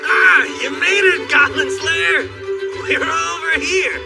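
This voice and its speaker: A brash, shouting young spearman. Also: high-pitched, lively intonation, normal speed, over loud music. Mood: boisterous. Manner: loud, shouting, teasing. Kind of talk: anime English dub. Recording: distant voice under loud score.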